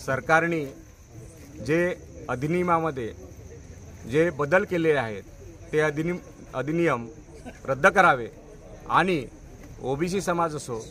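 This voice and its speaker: A man's voice: fairly high pitch, slow pace, long pauses, sharp tone. A man speaking emphatically to reporters at a press conference, in short punchy phrases. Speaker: protest organizer at a press conference.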